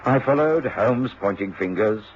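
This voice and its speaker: A man playing a genial middle-aged gentleman doctor in a radio drama. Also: fairly low pitch, lively intonation, moderate pace, close to an everyday voice. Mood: reflective. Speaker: actor and first-person narrator. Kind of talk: radio drama narration and dialogue. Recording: dull, lightly noisy radio recording.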